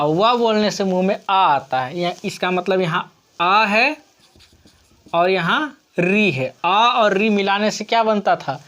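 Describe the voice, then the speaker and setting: A woman teacher explaining grammar rules on screen, patiently asking questions and answering them herself. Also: lowish voice. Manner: slow, patient, asks and answers her own questions.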